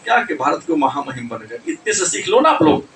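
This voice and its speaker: A male teacher giving an animated classroom lecture, scolding students and laughing between points. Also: on the high side, a little fast, reverberant, far from the mic, a little hiss or hum, low-quality recording. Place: coaching classroom.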